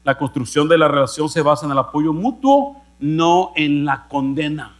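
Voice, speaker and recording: Northern Mexican male pastor, high voice, humorous storyteller, light mains hum. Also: normal speed. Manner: storytelling preacher, jokey, addresses listeners as brother. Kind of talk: sermon.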